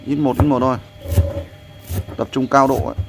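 A man's voice: medium pitch, steady tone, moderate pace, slight background noise. A man, a vlogger who talks in a rambling way to his viewers and coaches a friend as they cook outdoors. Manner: rambling, repeats "there" often, coaching someone. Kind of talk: casual vlog narration and instructions.

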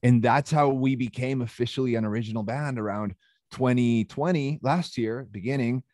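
A young man from Chile talks about his band in a relaxed, easy way, laughing often and trailing off with fillers. His voice sits in a middle range. The sound is dry and close, with no room around it. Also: medium pitch, moderate pace, no room sound. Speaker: band frontman, guest. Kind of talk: casual interview chat.

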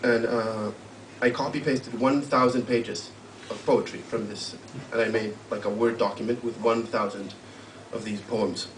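Slow, halting man in a roomy hall. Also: on the low side, flat delivery. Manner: halting, searching for words. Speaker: poet introducing a reading. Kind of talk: live poetry reading introduction. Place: live literary event hall. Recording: roomy, distant live mic with faint hum.

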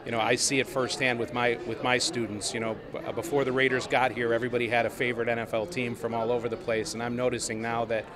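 A man in his forties, a high school coach and teacher, giving an on-camera interview in an earnest, rambling way full of fillers. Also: level tone, fast, few pauses. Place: outdoor stadium plaza with crowd around. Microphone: lapel mic. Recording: crowd noise behind.

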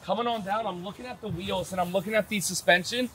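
A man's voice: high voice, fast talker, sharp tone, a little hiss or hum, poor audio. A middle-aged man hosting a casual outdoor walkthrough of a van, asking questions with upbeat enthusiasm. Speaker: host. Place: outdoors at a vehicle lot.

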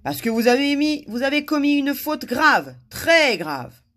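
A woman voicing a gloomy, gruff palace guard as she reads a children's story aloud. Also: on the high side, big pitch swings, normal speed, pitched above the performer's own voice. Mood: stern. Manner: lugubrious and gruff.

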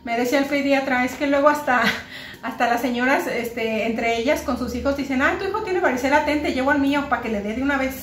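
A woman's voice: high-pitched, quick pace, reverberant. A woman in her thirties with a Mexican accent, chatting casually to the camera as a homemaker vlogger, talking straight to her viewers. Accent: Mexican Spanish. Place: home kitchen indoors, later outdoors at a park.

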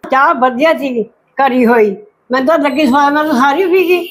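A woman's voice: high-pitched, moderate pace, close to an everyday voice, rough recording. A woman acting a sly, demanding village aunt in a short drama, evasive and bossy, with a Malwa Punjabi accent. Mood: casual. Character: sly, demanding aunt fond of tea and opium husk. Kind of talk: amateur short-film acting.

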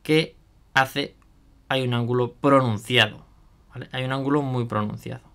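A man's voice: medium pitch, steady tone, normal speed, creaky, fairly bright tone. A man chatting casually through a hands-on product demo, thinking aloud with fillers and asides to viewers. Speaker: miniature painting youtuber.

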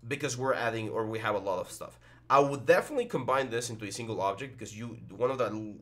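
A young man wearing a headset runs a screen-recorded tutorial on 3D modeling, thinking out loud with plenty of fillers and restarts. His voice is fairly low and a little bright.

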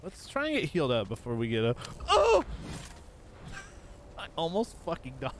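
A man giving excitable, casual gameplay commentary as a streamer, yelping, laughing and swearing over loud game sounds. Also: medium pitch, normal speed, noisy background. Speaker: gaming streamer.

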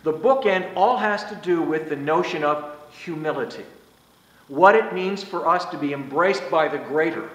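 Older male priest, slightly high voice, expressive delivery, roomy sanctuary sound. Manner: animated gestures, rising and falling emphasis. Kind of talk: sermon. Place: small church sanctuary, indoors. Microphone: far camera. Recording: echoey church room.

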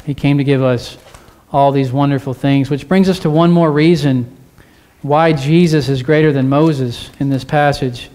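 A warm, medium-pitched male voice at a moderate pace and fairly even intonation delivers a sermon in church. The pastor earnestly exhorts his listeners, repeating phrases and asking the congregation rhetorical questions.

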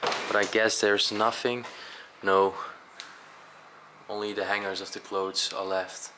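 A man's voice: lowish voice, little pitch movement, slow, background noise. A young man co-hosting an exploration vlog, describing abandoned rooms in an easygoing, slangy way. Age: young adult. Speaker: urban explorer, co-host. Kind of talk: casual exploration vlog commentary. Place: large abandoned mansion, indoors.

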